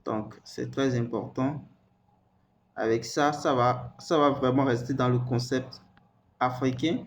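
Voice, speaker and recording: A man hosting a screen-recorded software tutorial, talking hesitantly and repeating words as he types. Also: mid-range voice, fairly even intonation, takes it slowly, a little hiss or hum. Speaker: tutorial host.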